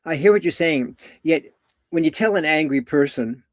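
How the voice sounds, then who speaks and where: An older man, a coach and therapist, talking in a live video conversation, measured and animated as he tells stories. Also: fairly high pitch, dry recording. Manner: measured, animated storytelling with voiced vocal sounds.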